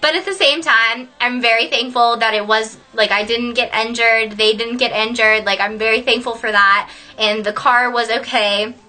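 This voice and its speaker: High bright-voiced young woman vlogging. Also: normal speed, few pauses. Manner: animated and swearing, with laughs and squealed quotes. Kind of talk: storytime vlog.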